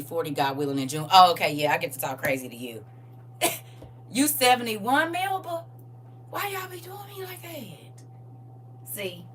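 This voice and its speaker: A woman in her forties hosting a casual livestream, animated and teasing as she reads viewer comments aloud. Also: low voice, recorded from a distance, slight background noise.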